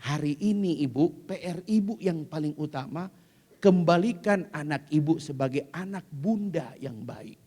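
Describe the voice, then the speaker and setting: A male preacher delivering a sermon with dramatic storytelling, impassioned and swelling to shouts. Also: on the high side, measured pace. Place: women's study gathering hall. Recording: long hall reverb.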